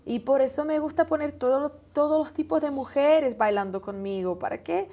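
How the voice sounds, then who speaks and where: A young woman with a Brazilian Portuguese accent answers interview questions in a fairly high voice. Portuguese is her first language, and she feels her way toward each word, now and then asking for one. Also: moderate pace, dark tone. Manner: searches for words, asks for help with them. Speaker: singer, interview guest.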